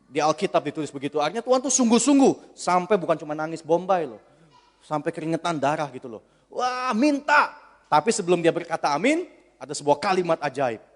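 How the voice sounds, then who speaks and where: A man preaches in a big church hall, his voice high and full of lively swings. He is animated and sometimes acts out characters mid-sermon. The sound rings with a long hall reverb. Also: fast talker. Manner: animated preaching, acts out a whining child and a patient father. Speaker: pastor.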